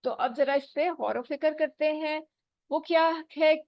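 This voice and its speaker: Speaking in a high, unhurried voice with no echo, a woman teacher leads an online lesson and patiently quizzes students word after word. The bad connection keeps cutting her off, leaving dull, dry video-call audio.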